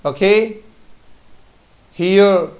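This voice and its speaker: A man's voice: high-pitched, drawn-out words, a little mellow. A man teaching English pronunciation in a live online class with an Indian English accent, repeating each word and praising students by name.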